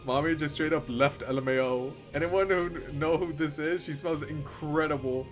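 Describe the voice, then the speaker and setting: Over soft background music, this streamer delivers a dramatic read-aloud of the game's story mixed with casual live reactions and plenty of swearing. His voice is a little high and his pace normal, his manner theatrical and expressive.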